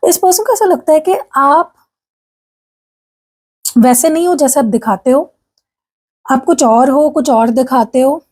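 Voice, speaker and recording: A woman reads tarot in a casual chat with her viewers, keeping her voice high but soft and mellow. She slips English phrases into her talk and keeps checking in with her listeners. Her throat is sore as she speaks. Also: unhurried, long pauses. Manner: chatty, addresses viewers as "guys", frequent "theek hai?"; mixes English phrases into Hindi speech. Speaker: tarot reader.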